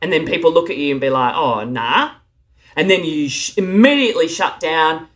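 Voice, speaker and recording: A woman's voice: low voice, animated. Earnest woman speaking from the heart. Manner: earnest, emotional, halting with frequent restarts. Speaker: speaker sharing her experience of anxiety. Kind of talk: heartfelt direct-to-camera monologue.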